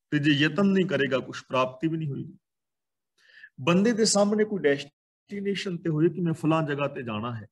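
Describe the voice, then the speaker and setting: A man with a Punjabi accent explaining scripture in a calm way, pausing between short phrases. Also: a little high, breathy edge. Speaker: Sikh scripture teacher.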